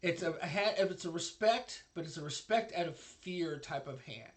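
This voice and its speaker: A man narrating as game master in a tabletop game, halting with many fillers. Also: on the high side.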